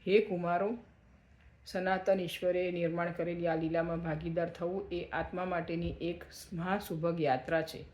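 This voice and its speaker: A powerful creator god speaks with solemn authority and a quick temper, as a man puts him on. The voice sits a little high and the room rings with echo. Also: flat delivery, a little mellow, lightly acted. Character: mighty male creator god, commanding, quick to anger. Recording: echoey room.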